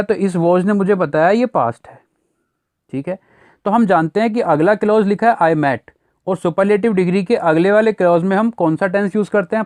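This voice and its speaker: A man's voice: high voice, darkish tone, no room sound, clean studio sound. A male teacher with an Indian accent explaining grammar step by step in a classroom lecture, asking the class rhetorical questions. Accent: Indian English words in Hindi speech. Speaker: English teacher.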